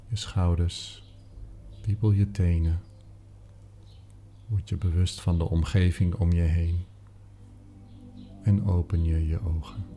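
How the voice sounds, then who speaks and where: A man guiding a meditation, speaking softly and soothingly, sometimes dropping into a whisper. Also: low voice. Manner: slow, soft-spoken, soothing, with whispered phrases. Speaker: meditation guide. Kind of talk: guided meditation. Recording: soft music behind.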